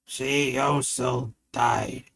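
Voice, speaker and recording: A man voicing a captured male ogre who answers in slow, heavy, bitter lines. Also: mid-range voice, steady tone, vocal fry, fairly bright tone, a little hiss or hum, heavily acted.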